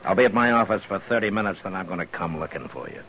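An actor playing a stern, calm frontier marshal in a 1950s radio drama, speaking in a level, unhurried and commanding way, heard as an old radio show broadcast. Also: male voice, low-pitched, over loud music. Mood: firm.

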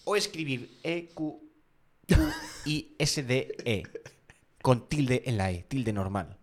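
A man with a mid-pitched voice chatting on a podcast. He explains things step by step in a playful, easygoing way. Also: lively intonation, takes it slowly. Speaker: podcast co-host. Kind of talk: casual chat.

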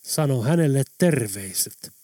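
A calm, prophetic old man of the northern wilds, speaking in measured, solemn lines, as an audiobook narrator puts him on. His delivery is grave and unhurried, recorded close and dry with no room sound. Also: mid-range voice, no room sound, lightly acted. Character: mysterious calm older Lapland man, prophetic.

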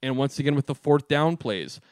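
A man's voice: mid-range voice, lively intonation, a little fast, dry recording, clean studio sound. Rambling man chatting about football. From Minnesota. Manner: rambling, restarts often, laughs easily. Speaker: podcast co-host. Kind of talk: casual sports chat.

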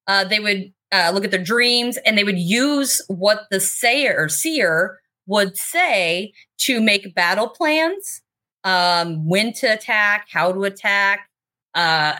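Bright-voiced woman telling casual stories. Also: mid-range voice. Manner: chatty, informal, swears freely. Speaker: podcast guest. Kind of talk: casual chat, animated storytelling.

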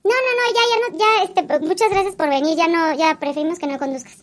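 Bit part: a woman doing a dismissive event staffer, shrill and high. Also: fairly quick. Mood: scolding. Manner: brusque, dismissive. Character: curt female event staffer dismissing the host.

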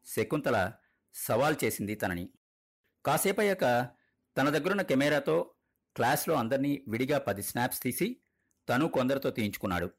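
A man tells a story aloud in a scripted narration. His husky voice lifts and sinks with the action. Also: medium pitch, lively intonation, normal speed, long pauses.

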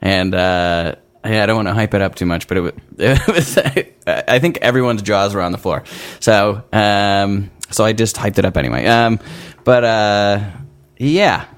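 A man hosting a casual comedy podcast in a halting, chuckling delivery. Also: on the low side, animated, clean tone. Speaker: podcast host.

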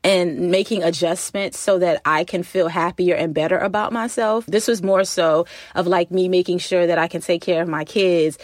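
A woman's voice: on the low side, steady tone, normal speed, few pauses, no echo. Casual woman podcaster, very dry closet sound. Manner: chatty, informal, laughs while talking. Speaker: podcast host. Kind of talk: casual solo podcast talk. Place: recorded inside a closet.

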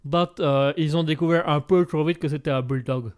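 A man's voice: fairly high pitch, fairly even intonation, moderate pace, close to an everyday voice. A man voicing a boastful American who drops English words into his rambling French. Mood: fond.

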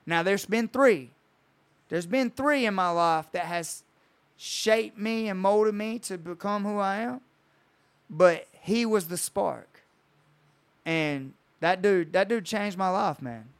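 Guy, coach, swears a lot telling his story, kinda high voice, real clean and smooth. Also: slow. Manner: storytelling, retells conversations with swearing. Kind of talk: casual podcast chat.

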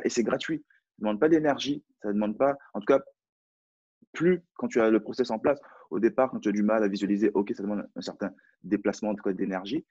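A man's voice: mid-range voice, mellow, slightly rough, dry recording, dull audio. A man with a French accent, a personal development coach, talking casually and hesitantly with many fillers and restarts. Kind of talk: casual live discussion.

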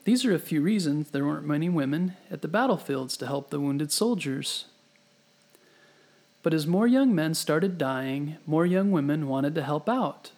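A man narrating a scripted history story for children, gently and clearly explaining as he speaks to the listener, as a storytelling host. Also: fairly high pitch, animated, normal speed. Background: background music.

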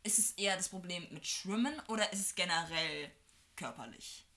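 Woman, podcast host, low-pitched, bright tone, supportive casual chat. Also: normal speed. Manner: supportive, frequent short agreements, restarts.

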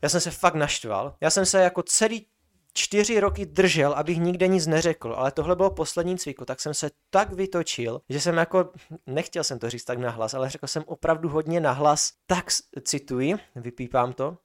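A young man co-hosting a podcast, telling an annoyed story in casual chat. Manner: animated storytelling, mimics others in high voice. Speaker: podcast co-host. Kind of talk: casual ranting anecdote.

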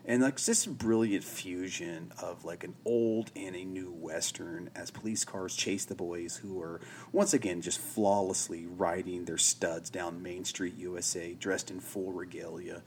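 A man's voice: low-pitched, steady tone, a little slow, few pauses, a little hiss or hum. A man hosting a podcast, rambling casually through a TV episode recap with lots of "you know" and "like". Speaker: podcast host.

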